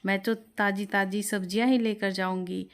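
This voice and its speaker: A woman's voice: mid-range voice, little pitch movement, normal speed, clear, resonant tone, natural voice. A woman voicing a struggling but determined young chaat seller in a storybook tale, speaking earnestly. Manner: earnest, pleading.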